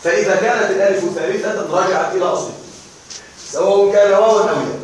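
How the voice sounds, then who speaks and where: Male grammar teacher, high voice, drills and checks the class, distant mic with faint hiss. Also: racing. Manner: drills verb forms aloud, asks students if it is clear. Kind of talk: classroom lesson. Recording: echoey room, distant mic, faint noise.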